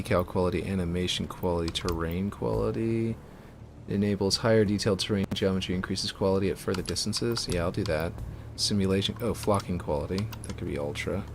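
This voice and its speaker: During a live stream, a man builds a game map and rambles conversationally, stumbling into many fillers and restarts. His voice is fairly deep and gravelly, set against music and a noisy background.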